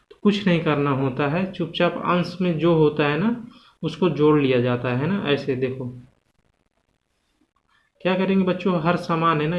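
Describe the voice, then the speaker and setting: A man teaches a maths lesson to children. He asks them questions, answers them himself, and slows down to stretch out the numbers. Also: on the high side. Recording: dull, lo-fi home recording with faint background hiss.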